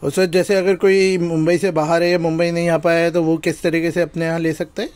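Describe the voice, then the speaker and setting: A man's voice: a little high, level tone, fairly quick, a little mellow. A man with a slightly raised voice hosts a casual video inside a small shop. He eagerly asks the seller questions and turns to speak to viewers as friends. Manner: enthusiastic, addresses viewers as friends. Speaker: video host. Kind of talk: casual on-camera presenting.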